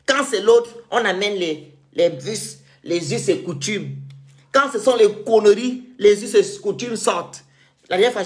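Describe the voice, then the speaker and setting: A man from Cameroon, delivering an indignant, sarcastic monologue rant as a vlogger. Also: sits high.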